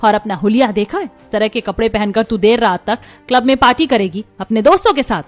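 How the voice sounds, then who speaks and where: Woman playing cartoon mother-in-law, strict, scolding, commanding, high-pitched, faint music behind. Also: a little fast, lightly acted. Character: strict but caring middle-aged mother-in-law.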